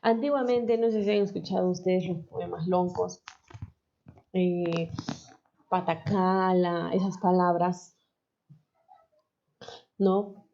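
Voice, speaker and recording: Mellow woman teaching a class. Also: fairly low pitch, steady tone, takes it slowly, vocal fry, long pauses. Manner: patient, asks questions and tags "¿no?" often. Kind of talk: explaining a lesson to a class. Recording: dull lo-fi recording.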